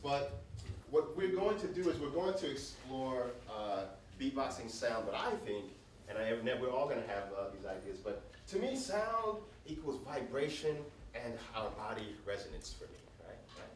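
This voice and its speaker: A man leading a workshop, coaching a group through breathing and voice warm-ups with short encouraging prompts, often checking in with "right?". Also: medium pitch, animated, normal speed. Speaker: workshop leader. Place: large room with an audience. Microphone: handheld mic, off-mic at times. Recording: echoey room, distant mic, audible noise.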